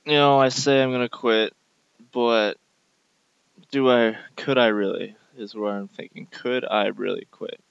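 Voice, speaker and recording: A man's voice: mid-range voice, steady tone, unhurried, creaky, smooth, no room sound. A young man in an informal, exasperated rant, complaining emphatically on a dull, lo-fi recording. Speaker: gaming video creator. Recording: dull lo-fi dry microphone.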